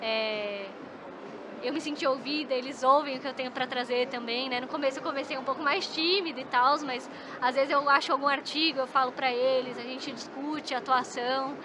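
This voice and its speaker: The high, steady-toned voice of a Brazilian esports psychologist moves briskly through a casual podcast chat, her speech chatty and sprinkled with "né?" tag questions. Portuguese is her first language, her accent is Brazilian Portuguese, and the background is noisy.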